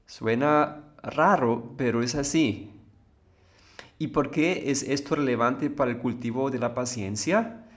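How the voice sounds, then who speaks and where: A man teaches in a calm, explanatory way. He keeps posing rhetorical questions to his listeners and then answers them himself. His voice sits at an ordinary middle pitch for a man. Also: unhurried. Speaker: spiritual teacher. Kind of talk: explanatory talk.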